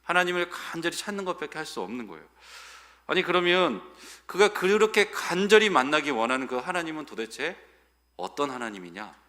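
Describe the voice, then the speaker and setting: A middle-aged man delivering a sermon as pastor, preaching expressively and swinging from loud declarations to hushed asides. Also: medium pitch.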